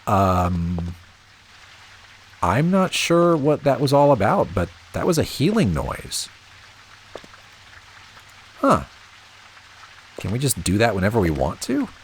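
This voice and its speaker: A man casually commentating a video game he is playing, thinking aloud in a relaxed, wry way. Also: medium pitch, slow, long pauses. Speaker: let's play host. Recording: audible rain noise behind voice.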